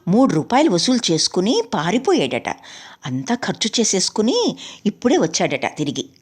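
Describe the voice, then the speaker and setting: A young boy rushes back and reports what he heard in a plain, eager way, as a woman reader voices him. It stays near her own reading voice. It is an audiobook story. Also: medium pitch, big pitch swings, breathy edge. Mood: reporting.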